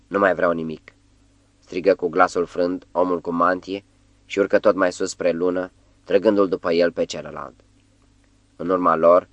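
A man narrating a literary audiobook in a measured, calm storytelling voice. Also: low voice, no echo.

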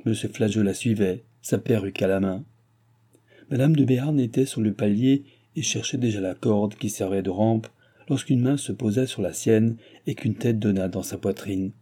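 A man reads a classic novel as an audiobook, steady and measured. His voice is fairly low in pitch with a breathy edge.

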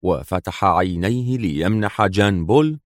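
A man narrating an audiobook thriller in a measured, dramatic storytelling manner. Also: sits low, expressive, no echo, studio quality.

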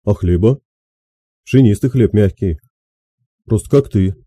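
A man's voice: on the low side, measured pace, dark tone, no room sound, clean studio sound. A man voicing Konev, a swaggering peasant. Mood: boasting. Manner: swaggering, sly, coarse banter. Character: boastful crude young peasant vagrant man. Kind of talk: audiobook character voice.

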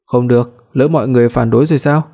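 Picture a man reading a young husband who dotes on his wife and gets his own way. He speaks firmly in a mellow, warm tone. This is a spoken family story. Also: mid-range voice, steady tone, fast, vocal fry. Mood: insistent. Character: young husband, possessive and doting.

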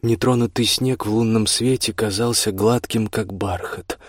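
A male narrator reading a novel aloud in a steady, even manner. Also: lowish voice, moderate pace, no room sound, clean studio sound. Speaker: audiobook narrator. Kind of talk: audiobook narration.

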